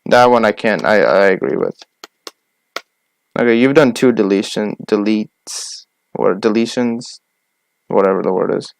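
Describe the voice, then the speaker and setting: Smooth-voiced young man, podcast co-host. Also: fairly low pitch, dry recording. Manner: listing names quickly, argumentative. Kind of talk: casual sports chat.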